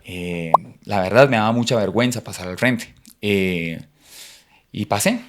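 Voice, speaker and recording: There is background noise as a middle-aged man with a Cúcuta, Colombia accent, a guest in an interview, recounts his faith testimony. His lowish voice runs a little slow, and he speaks reflectively and hesitantly with lots of fillers.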